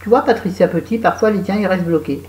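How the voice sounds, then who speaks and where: A woman's voice: mid-range voice, fast talker, a little mellow. A French woman with a cold and a sore throat, chatting to her viewers in a rambling, self-mocking vlog at home. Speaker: vlogger. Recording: echoey room.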